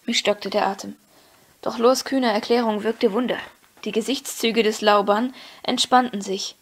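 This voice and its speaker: A woman's voice: on the high side, steady tone, moderate pace, husky. Woman reading a novel aloud. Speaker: audiobook reader. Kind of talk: scripted audiobook narration.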